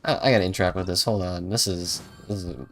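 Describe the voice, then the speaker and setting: This streamer's voice is low, steady and fairly bright, and he talks fast. Playing live, he mutters casual reactions to himself and now and then hums or sings bits of songs.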